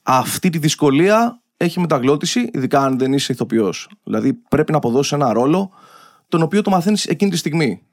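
A man's voice: fairly high pitch, big pitch swings, no echo, clean studio sound. A young adult man, a voice actor, chatting in an interview and laughing often. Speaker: guest voice actor. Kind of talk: casual interview chat.

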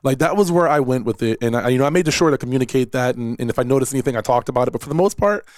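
A man's voice: mid-range voice, animated, racing, no echo, clean studio sound. A man, hosting a casual solo podcast and talking in a rambling way with repeated words and fillers. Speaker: podcast host and esports director.

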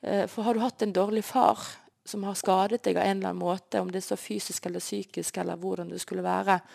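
Earnest woman with a creaky voice. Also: medium pitch, darkish tone. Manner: earnest, emotional storytelling. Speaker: guest sharing her life story. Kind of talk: personal faith testimony.

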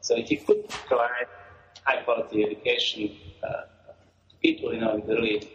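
A man's voice: mid-range voice, little pitch movement, normal speed, fairly bright tone, roomy sound, highs cut off. A middle-aged man from Croatia, answering interview questions in a hesitant way with many fillers and restarts. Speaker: guest. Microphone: phone or call line.

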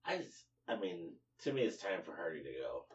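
A laid-back man co-hosting a casual wrestling chat, who makes dry remarks and laughs often. His voice sits low. It comes from a distance and sounds muffled. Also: very animated, moderate pace, a little hiss or hum. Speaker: podcast co-host.

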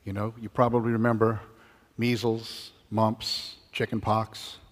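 A man's voice: on the low side, little pitch movement, unhurried. An older man speaking as a deacon to a congregation in a church. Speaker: deacon giving gospel reading and homily. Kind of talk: liturgical reading and conversational homily. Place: large church, over a PA. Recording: long cathedral-like echo of a church.

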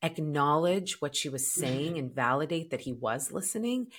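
Woman dating coach on a podcast, super low voice, rambly thoughtful chat full of "like". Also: expressive, normal speed, breathy edge. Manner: reflective, many "like" fillers.

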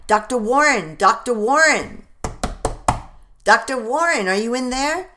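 A woman's voice: lowish voice, takes it slowly, background noise. A woman voicing an anxious young apprentice. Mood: urgent. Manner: calling out urgently.

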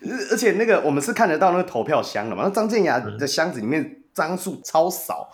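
A man's voice: a little high, fairly quick. Laughing Taiwanese Mandarin podcast host man. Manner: laughs often, animated storyteller. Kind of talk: casual sports podcast chat.

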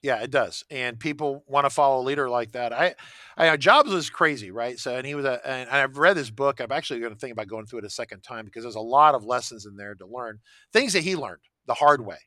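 A man's voice: medium pitch, fairly quick, pushed and bright, no room sound, studio quality. A man talking casually in a conversation, often restarting sentences and ending points with "right?". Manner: rambling, frequent restarts and "right?" tags. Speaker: podcast guest.

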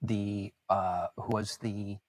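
A man who is a guest on a podcast, telling animated stories with halting restarts and self-corrections. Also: fairly low pitch, no room sound. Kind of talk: podcast interview storytelling.

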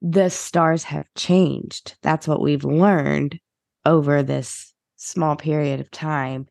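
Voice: mid-range voice, fairly even intonation, slow, gravelly, darkish tone, no echo, studio quality. A podcast co-host in casual chat, rambling and meandering, with frequent swearing.

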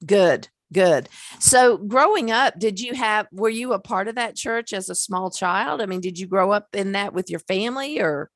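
A woman's voice: medium pitch, lively intonation, normal speed, few pauses, no echo, studio quality. A woman hosting a casual conversational interview, responding in a reactive, affirming way. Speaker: interviewer, host.

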